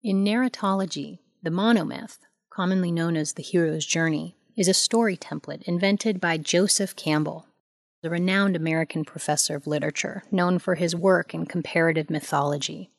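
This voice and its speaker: A woman narrating a documentary in a measured, scripted way. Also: fairly low pitch, creaky, no echo.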